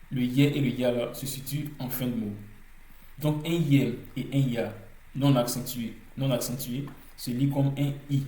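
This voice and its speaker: Slow, hesitant male French teacher. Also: mid-range voice, warm tone, roomy sound, low-quality recording. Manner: slow and deliberate, many hesitations, repeats words to drill them. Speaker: language teacher. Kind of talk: explaining pronunciation rules.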